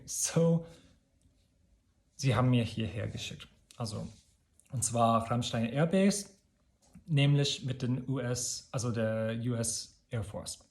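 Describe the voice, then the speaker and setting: A man with an American accent speaks German as a second language to his native English. His delivery is slow and halting, in a mid-range voice, as he searches for the right word and corrects himself. It is a casual, personal vlog monologue. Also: mid-range voice, creaky, a little mellow. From United States. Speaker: video channel host.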